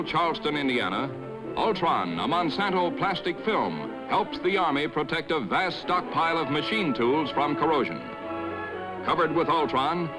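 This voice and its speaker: A man's voice: fairly high pitch, poor audio. A man in a formal announcer style, narrating an old 1950s newsreel. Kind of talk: scripted corporate newsreel narration. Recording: old newsreel voice-over over loud music.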